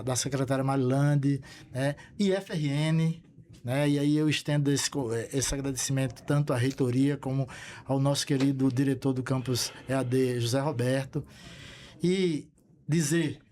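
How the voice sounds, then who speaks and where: A man's voice: mid-range voice, a little mellow, slight background noise. A male podcast host, giving informal closing thanks in a studio with slang and repeated words. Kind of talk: casual chat, closing thanks.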